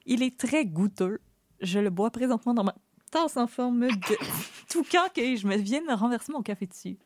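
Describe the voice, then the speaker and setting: A woman's voice: fairly high pitch, expressive, normal speed, a little mellow. Chatty Québécois woman hosting a podcast. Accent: Québécois French. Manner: chatty, giggly. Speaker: podcast co-host. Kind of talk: casual podcast chat.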